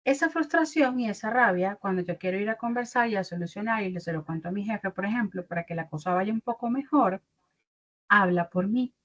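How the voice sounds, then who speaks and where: Woman, career mentor, animated, theatrical, dull lo-fi audio. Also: mid-range voice, a little fast. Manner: animated, acts out little dialogues. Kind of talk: online mentoring talk.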